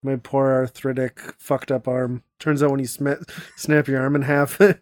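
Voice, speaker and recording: A man's voice: mid-range voice, flat delivery, normal speed, a little mellow, no echo. A young man in loose, casual conversation, blunt and profane, laughing as he talks. His voice sits in a middle register. The sound is dry and close. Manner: blunt, swears, laughs often. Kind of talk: casual chat.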